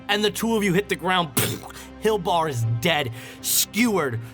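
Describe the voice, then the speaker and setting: A man's voice: high voice, animated, a little slow. A man narrating a tabletop game as game master, setting scenes dramatically. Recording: music behind the voice.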